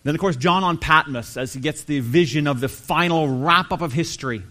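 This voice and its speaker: A man preaching a sermon, earnest and emphatic, slowing down to stress key phrases. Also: on the high side, bright, forceful tone. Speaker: pastor.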